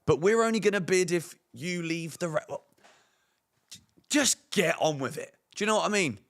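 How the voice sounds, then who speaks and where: This football fan-channel commentator has a high-pitched yet croaky, hoarse voice with lively intonation at a moderate pace. He gives opinionated transfer news loaded with emphatic rhetorical questions.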